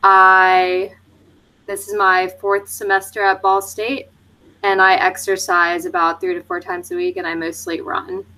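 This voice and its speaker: A woman from Charlotte presents to her class in a bright voice. She stumbles and restarts at times. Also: medium pitch, steady tone, a little slow, rough recording. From Charlotte, North Carolina, USA. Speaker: graduate student presenter.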